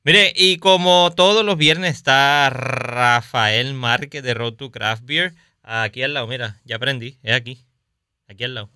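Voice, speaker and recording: A man with a Puerto Rican accent hosting a casual livestream chat, lively and greeting viewers as they join. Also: medium pitch, a little slow, smooth, no echo, clean studio sound. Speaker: podcast host. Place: home at night.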